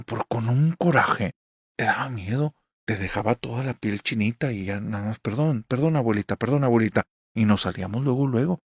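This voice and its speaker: A man's voice: mid-range voice, dry recording, clean studio sound. A man with a Mexican accent narrates a first-person horror tale in a conversational way, speaking straight to the listener.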